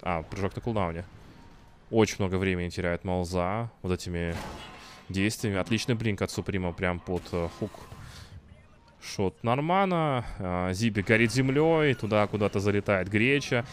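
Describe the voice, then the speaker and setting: A man's voice: low-pitched, moderate pace, a little hiss or hum. A man giving play-by-play commentary on a video game match.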